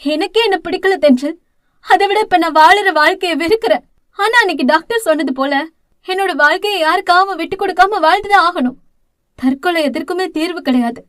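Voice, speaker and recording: A woman's voice: very high voice, brisk, fairly bright tone, no room sound, clean studio sound, voice pushed up. A woman doing a tearful, guilt-ridden young woman. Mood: despairing. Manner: tearful, pleading, self-blaming.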